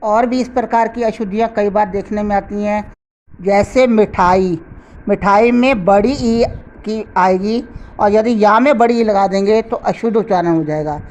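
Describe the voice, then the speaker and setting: Slow, deliberate woman teaching grammar. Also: medium pitch, a little mellow, low-quality recording. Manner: slow, deliberate, repeats each example word. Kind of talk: slow explanatory lesson.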